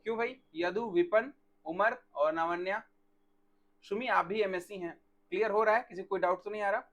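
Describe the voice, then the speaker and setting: A man teaching botany in a live online class, asking students questions by name and dictating answers slowly. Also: sits high, a bit bright.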